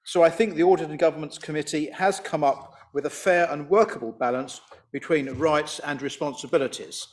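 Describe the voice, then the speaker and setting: A man as a councillor moving a motion, speaking in fluent, measured, formal sentences. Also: a little high.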